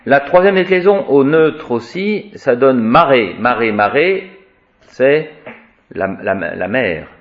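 A man's voice: medium pitch, expressive, takes it slowly, lo-fi sound. A man teaching Latin grammar, reciting word endings in a repetitive sing-song and explaining each form. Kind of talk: spoken grammar lesson.

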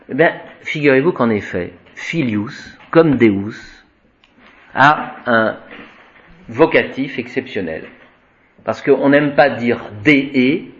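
A man's voice: mid-range voice, lo-fi sound. A male teacher giving a Latin grammar lesson, reciting word endings and explaining them to a class. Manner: slow, lively, drawn-out recitation of word forms.

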